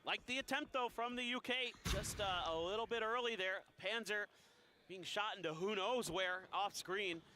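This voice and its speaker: A man with a high voice gives steady, analytical colour commentary on a live esports match. Game sounds are clearly heard under his voice. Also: normal speed, slight background noise. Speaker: esports caster. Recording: game audio behind.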